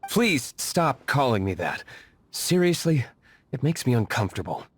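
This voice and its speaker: An actor playing a brooding, wealthy vigilante in a video game dub, curt and formal with a dry, disdainful edge. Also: male voice, mid-range voice, very animated, moderate pace, husky. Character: brooding wealthy male vigilante, aloof and stern.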